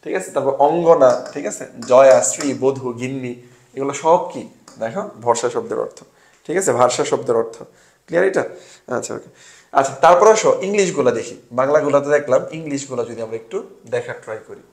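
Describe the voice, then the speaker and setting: A young man from Bangladesh, mid-range in pitch and a little mellow, talks fast in a reverberant room. He's casually tutoring an online admission test class, answering his own questions and dropping in English words.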